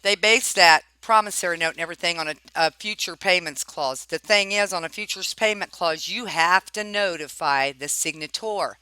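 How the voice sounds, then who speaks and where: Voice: medium pitch, normal speed, hardly any pauses, bright, forceful tone, clean tone, no room sound. A person giving informal commentary while reading documents aloud, pointed and questioning, often tagging remarks with check-in questions. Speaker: narrator reviewing property records.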